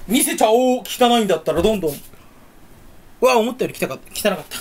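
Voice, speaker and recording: Young man, solo home vlog, goofy and self-mocking, lively pitch. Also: fast. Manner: goofy, rambling, teases himself. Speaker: YouTuber. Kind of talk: solo casual chat to camera. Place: room at home, standing.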